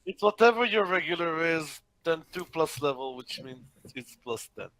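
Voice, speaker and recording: A man joins in a tabletop role-playing game as a player. His voice is high and sharply bright as he banters casually about the game. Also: animated, normal speed, no room sound, rough recording.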